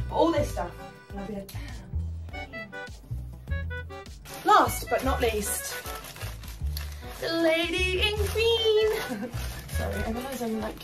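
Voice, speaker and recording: Trying on an outfit, a young lingerie reviewer giggles and talks to herself in a lively, casual way, her voice a little high. She's in a bright indoor bedroom, recorded by a camera across the room, so the sound is echoey and distant with background music.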